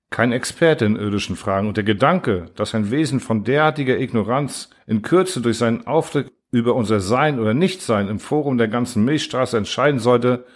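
Man reading a story out loud, first person, steady and even, normal pitch. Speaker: audiobook reader. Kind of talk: first-person audiobook narration.

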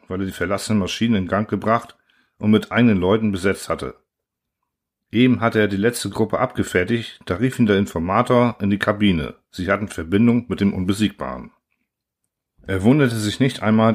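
A man narrating a novel in a measured, even storytelling manner. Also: on the low side. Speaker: audiobook narrator. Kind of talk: scripted narration.

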